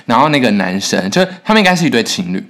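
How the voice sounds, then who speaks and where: In a relaxed podcast chat, the young co-host, also a singer-songwriter, speaks quickly at a medium pitch. He tells stories with plenty of energy and laughs frequently.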